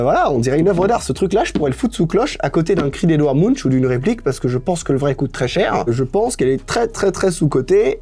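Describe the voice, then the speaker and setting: In this unscripted vlog, a young man chats casually and enthusiastically about his sneaker collection, sprinkling English slang throughout. His voice is fairly high and a little mellow. Music plays faintly in the background.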